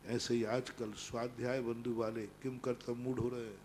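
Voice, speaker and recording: A man, a Jain monk, giving a sermon as emphatic storytelling that swings between hushed and loud. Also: medium pitch, flat delivery, moderate pace, a little hiss or hum.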